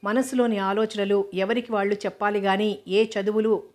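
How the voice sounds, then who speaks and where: Teasing young man, playful, unhurried, storybook dialogue, read by a woman, flat delivery. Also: mid-range voice, close to an everyday voice. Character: young male medical student, teasing and calm.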